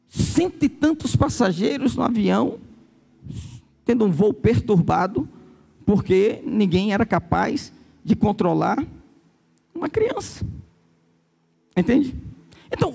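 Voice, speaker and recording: A man's voice: very high voice, creaky, mellow, husky. A Brazilian pastor preaching a sermon, telling stories and acting out the people he quotes. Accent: Brazilian Portuguese. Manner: storytelling preacher, acts out quoted voices.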